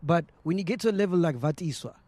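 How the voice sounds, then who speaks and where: A man's voice: fairly high pitch, animated, quick pace, mellow, no room sound. A man hosting a casual, sweary interview chat. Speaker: interviewer, host.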